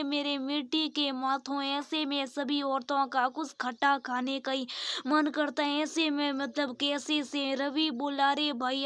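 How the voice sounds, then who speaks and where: A woman narrating a moral story for a channel and reading every character's lines in her own soft, even voice. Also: sits high, no room sound.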